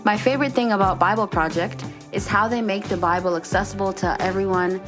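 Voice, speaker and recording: A woman's voice: mid-range voice, steady tone, brisk, over music. A woman from Ecuador, a listener, reading a short scripted testimonial.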